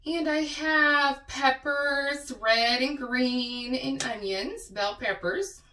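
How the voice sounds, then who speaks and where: A woman's voice: high-pitched, very slow, sharp tone, far from the mic. A woman from the Texas Panhandle with a West Texas accent, chatting casually in her eating vlog, stretching out her words and saying y'all. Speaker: mukbang vlogger. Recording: echoey room, a bit off-mic.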